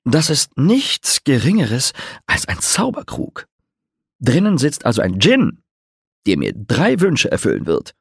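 Rittersporn, a man doing a high boastful bard. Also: huge pitch swings, a little slow, gravelly, breathy edge, no echo, clean studio sound, exaggerated voice.

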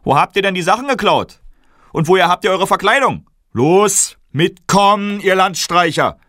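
A man voicing a gruff, bossy male security guard in a storybook reading who scolds loudly. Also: on the high side, very animated, moderate pace, dry recording, studio quality, pitched above the performer's own voice. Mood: accusing.

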